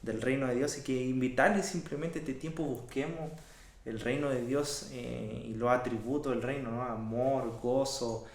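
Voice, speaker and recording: A man leads a Bible study chat in an encouraging, rambling way, full of fillers and little "no?" tags. His voice sits at an ordinary pitch and echoes in a roomy space. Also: steady tone, normal speed. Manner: warm and encouraging, lots of fillers, reacts with wows. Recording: echoey room.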